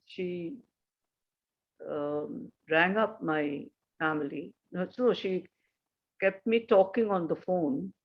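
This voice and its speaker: An older woman with an Indian English accent tells a personal anecdote, pausing often and restarting her sentences. Her voice comes through a slightly muffled recording. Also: fairly low pitch. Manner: halting, anecdotal, frequent pauses and restarts. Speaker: guest. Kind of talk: casual storytelling conversation.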